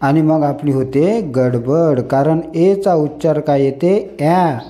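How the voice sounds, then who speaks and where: Man, phonics teacher, slow deliberate delivery, mellow tone, question-and-answer repetition. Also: on the high side. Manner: repetitive call-and-response teaching, asks and answers own questions. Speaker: English teacher. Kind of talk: slow phonics lesson for beginners.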